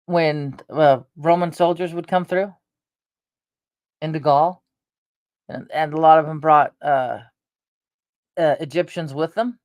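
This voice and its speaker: Woman, fifties, channel host; slow, meandering chat full of restarts, dry close sound. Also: sits low, fairly even intonation, dry recording, muffled recording. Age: 50s. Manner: meandering, with frequent hesitations and restarts. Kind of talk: rambling casual chat.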